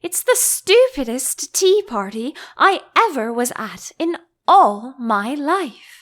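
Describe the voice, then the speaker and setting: A woman's voice: sits high, big pitch swings, slow, a bit bright, full character voice. A woman voicing a curious, polite, easily confused young girl with a questioning manner in an audiobook. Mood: disgusted. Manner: cautious, questioning.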